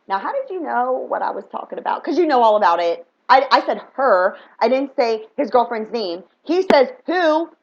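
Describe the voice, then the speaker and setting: A woman's voice: on the high side, expressive, fairly quick, hardly any pauses. A woman telling a heated personal story in an emphatic, fired-up way, acting out the dialogue as she goes. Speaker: spiritual reader and vlogger. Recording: dull lo-fi sound.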